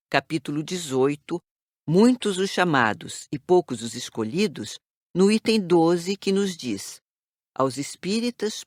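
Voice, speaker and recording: Give me a calm older teacher reciting doctrine, in a dry studio sound. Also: female voice, deep voice, no room sound. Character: kind older woman teaching spiritist doctrine. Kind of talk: audiobook drama acting.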